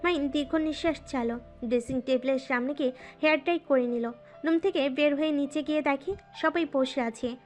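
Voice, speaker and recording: A woman doing scripted narration of a romance audio story in a smooth, even storytelling manner. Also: high voice, fairly quick, soft background music.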